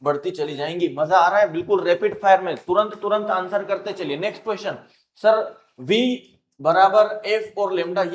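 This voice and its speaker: A man teaching a rapid-fire exam revision lesson, playful and animated, acting out sounds and student lines. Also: sits high, roomy sound, a little hiss or hum.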